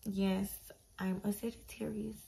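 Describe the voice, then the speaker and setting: A 21-year-old woman from Detroit, Michigan, USA, vlogs to camera from a small indoor bedroom, chatting in a laid-back, slangy, blunt way. Her mid-range voice is gravelly and warm, a little slow, with little pitch movement, and the recording is rough.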